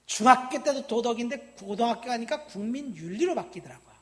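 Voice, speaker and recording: A woman in her fifties from Busan, a pastor preaching a sermon, stressing words loudly and then dropping to quiet asides while asking the congregation questions. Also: on the high side, animated, a little fast. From Busan, South Korea. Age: 50s. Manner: addresses the congregation directly with questions.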